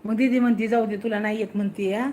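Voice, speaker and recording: A woman's voice: medium pitch, fairly even intonation, fast, warm tone, a little hiss or hum. A woman in a casual home video, coaxing and playfully scolding children as she teaches them, recorded on a phone indoors at home. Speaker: family member teaching children.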